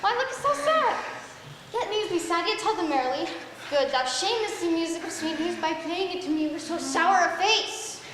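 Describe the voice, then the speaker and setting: A woman's voice: very high-pitched, expressive. A young woman acting an impatient young girl in love in a stage play, pleading and urging for news, on a school stage. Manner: impatient, pleading, quick to urge. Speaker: student actor. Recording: echoey hall, stage mics, faint noise.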